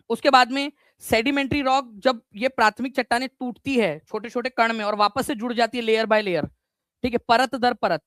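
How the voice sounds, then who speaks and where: A male teacher giving a live online exam-prep class, energetic and repetitive, quizzing his students and mixing in English words. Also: very high voice, no room sound.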